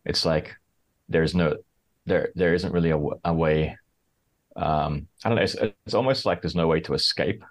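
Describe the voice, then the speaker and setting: A man's voice: a bass voice, normal speed. A man as a podcast guest, talking casually and hesitantly, full of "like" and restarts. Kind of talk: casual interview chat.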